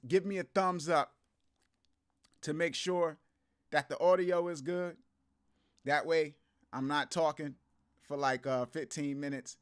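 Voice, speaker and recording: A man with a notably high voice hosts a casual live news commentary. He is feeling a bit sick and pushes on anyway. His delivery is informal and conversational, addressed straight to the viewers. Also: smooth. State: under the weather, feeling sick. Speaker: host of music business channel.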